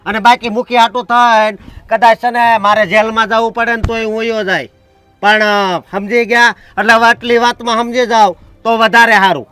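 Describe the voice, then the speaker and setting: A man's voice: very high-pitched, level tone, moderate pace, sharp tone, faint music behind. A man playing a stubborn village enforcer in a short film, bossy and threatening. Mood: stern. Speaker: village strongman blocking the road. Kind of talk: short film drama acting.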